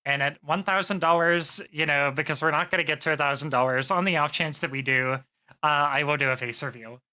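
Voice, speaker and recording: A woman's voice: deep voice, brisk, pushed and bright. A woman streamer chatting casually to her viewers, rambling with plenty of fillers and swearing freely. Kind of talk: casual live-stream chat.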